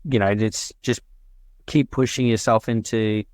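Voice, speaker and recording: A man's voice: fairly low pitch, fairly even intonation, a little slow, darkish tone, no room sound. A man co-hosting a casual podcast chat, talking loosely, laughing often and swearing casually. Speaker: podcast co-host.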